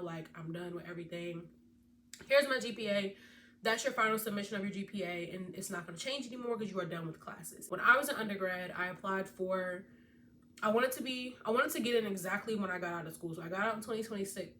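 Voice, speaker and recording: A woman in her twenties, a veterinary student, giving chatty, casual advice straight to her viewers. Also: medium pitch. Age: 20s. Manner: chatty, animated, speaks directly to viewers. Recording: distant mic with faint background noise.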